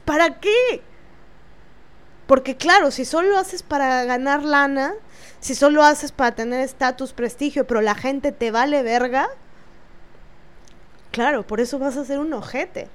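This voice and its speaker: High-pitched indignant Mexican woman. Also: unhurried, long pauses. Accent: Mexican Spanish. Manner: indignant, swears freely, many fillers. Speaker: vlogger. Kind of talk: angry personal testimony.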